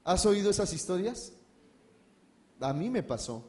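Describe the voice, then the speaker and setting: A pastor in mid-sermon, his voice sitting a little high for a man yet mellow and warm in tone. He spins his stories loosely and conversationally, turning to the congregation with questions as he goes. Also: very animated, measured pace. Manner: conversational storytelling, addresses the congregation directly.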